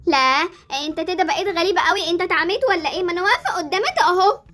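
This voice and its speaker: A woman's voice: extremely high pitch, animated, very fast, sharp tone, exaggerated voice. A woman voicing a cheeky young girl with an Egyptian Arabic accent, chatty and bossy. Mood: annoyed.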